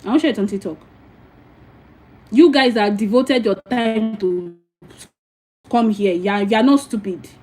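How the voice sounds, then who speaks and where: A woman's voice: medium pitch, measured pace, pauses often, mellow, poor audio. A Nigerian woman giving frank, preachy spiritual advice in a casual livestream, with many asides to her viewers. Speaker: spiritual teacher.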